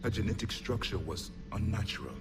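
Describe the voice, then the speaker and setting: An actor playing a stern, ancient male alien warrior in a video game, with a formal, cold, measured way of speaking, heard through fuzzy distortion from a faulty recorder. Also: on the low side, lively intonation, over music. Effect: fuzzy distorted game audio capture. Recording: loud fuzz and noise from a faulty recorder.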